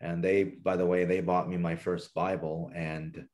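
A man's voice: low voice, little pitch movement, unhurried, darkish tone. A man from southern Ontario, Canada, telling his personal testimony as a podcast guest in an earnest, reflective way.

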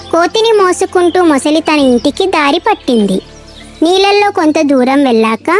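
A woman narrating a children's cartoon story in a bright storytelling way. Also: sits high.

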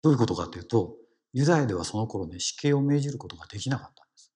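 Very husky Kansai man preaching. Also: mid-range voice, animated, racing, darkish tone. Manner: engaging, asks the congregation questions, frequent "ne" tags. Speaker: lay preacher. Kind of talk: conversational sermon.

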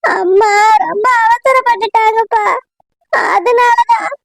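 A woman's voice: very high voice, slow pace, vocal fry, full character voice. A woman voicing a young bride in a cartoon, sobbing and begging her father's forgiveness, with a Tirunelveli Tamil accent. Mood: tearful. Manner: sobbing, pleading apologies. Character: young bride, tearful and pleading.

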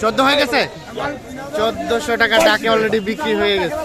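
A man's voice: sits high, fairly quick. A man interviewing sellers on the spot at an outdoor market, echoing and checking their answers as a reporter. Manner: echoes answers back and checks them. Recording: busy outdoor market crowd behind.

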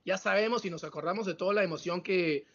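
Emphatic Peruvian analyst on a video call. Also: male voice, high voice, fast, fairly bright tone, highs cut off. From Peru. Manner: emphatic, exclamatory, mixes in English words. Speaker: football analyst. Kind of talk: casual sports debate. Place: home room.

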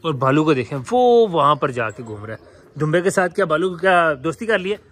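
A man's voice: fairly high pitch, lively intonation, fairly quick, noisy background. A man vlogging about his pet birds and animals, chatting casually to viewers and coaxing the animals, repeating "yaar" constantly.

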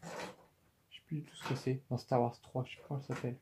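A man's voice: mid-range voice, little pitch movement, fast, a little mellow, a little hiss or hum. A man hosting a casual unboxing vlog, thinking aloud and counting hesitantly. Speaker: toy-unboxing YouTuber.

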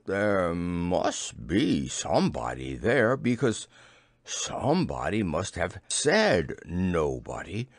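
Man as slow, earnest Winnie the Pooh bear. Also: low voice, wildly swooping pitch, darkish tone, no room sound, pitched below the performer's own voice, full character voice. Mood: puzzled, earnest. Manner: ponderous, humming, earnest. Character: slow, simple, friendly male toy bear.

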